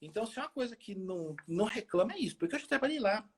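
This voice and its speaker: Over a noisy background, a high-pitched man races along, very animated. He's forty, from a small town in Minas Gerais, and speaks with a rural Brazilian accent as a health expert guest on a remote social media live call. His talk is a casual, colloquial chat of personal stories, with phrases repeated for emphasis.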